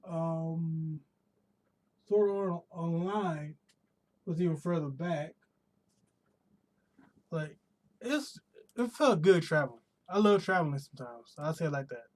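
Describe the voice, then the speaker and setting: Rambling higher-pitched American man streaming. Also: darkish tone. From United States. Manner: rambling, restarts and rephrases often. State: voice slightly worn from pollen allergy. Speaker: live streamer. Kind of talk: casual live-stream chat. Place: home streaming room.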